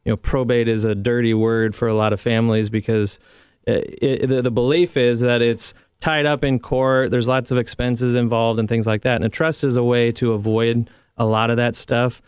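A man's voice: medium pitch, level tone, normal speed, smooth, no room sound. A man, a regular financial planner on a radio show, explaining things thoughtfully with frequent restarts and dry humor.

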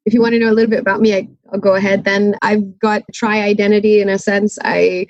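A woman from Malaysia who was raised in Canada appears as a guest in a conversational interview, speaking as a sustainability consultant. She's articulate but a little rambling, with some restarts, and her mid-range, slightly mellow voice comes across flat and quick. The recording is muffled, with no room sound.

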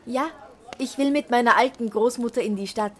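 A woman's voice: a little high, normal speed, voice pushed up, natural voice. A woman voicing a sly young peasant man who talks in a crafty, persuasive way. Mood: scheming.

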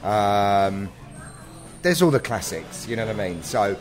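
A man's voice: lowish voice, lively intonation, unhurried, over music. A middle-aged man with a South London accent, chatting casually and modestly as an interview guest in a laid-back, slangy way. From South London, England. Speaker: guest graffiti artist.

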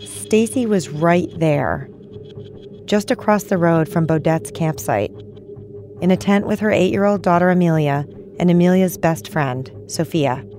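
Low-voiced woman podcast host. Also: music in the background. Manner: measured, calm storytelling. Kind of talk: scripted narration.

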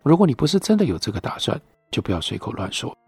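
A man reading the lines of a weary, despairing Japanese man in a postwar love story, in a flat, cold, resigned voice. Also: mid-range voice, fast, husky, dry recording, faint music behind, pitched above the performer's own voice, full character voice.

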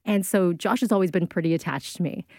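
A woman in her thirties co-hosting a podcast, telling stories in a lively casual chat. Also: lowish voice, fast talker, no echo, clean studio sound. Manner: animated storyteller, acts out voices. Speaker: podcast co-host.

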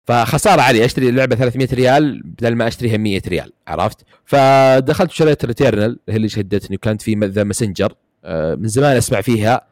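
A man's voice: mid-range voice, a little mellow, no echo, studio quality. A man with a Saudi Gulf accent, chatting casually about games, rambling with many fillers and restarts. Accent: Gulf Arabic, Saudi. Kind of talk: casual gaming chat.

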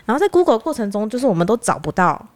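Woman podcast host, quick and very animated storyteller. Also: medium pitch, dry recording. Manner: animated, acts out quotes. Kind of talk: casual storytelling chat.

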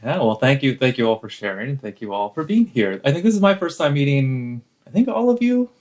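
A man's voice: medium pitch, big pitch swings, a little fast, a little mellow. A man moderating a casual panel discussion, friendly and loose with light jokes.

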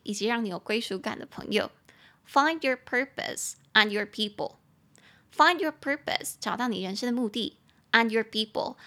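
A young woman with a Taiwanese Mandarin accent hosting a casual podcast English lesson, cheerful and giggly, slowing down to spell words out letter by letter. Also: on the high side, a bit bright. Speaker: podcast host and English teacher. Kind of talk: casual bilingual language lesson.

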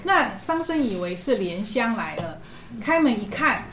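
A woman's voice: fairly high pitch, very animated, unhurried. A woman podcast host animatedly retelling a classic tale, with many fillers and acted-out quotes. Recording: echoey room with faint hiss.

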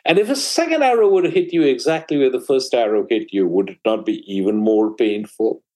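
A man voicing the Buddha as a calm male teacher who asks slow, probing questions. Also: medium pitch, pitched above the performer's own voice, natural voice. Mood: gently probing.

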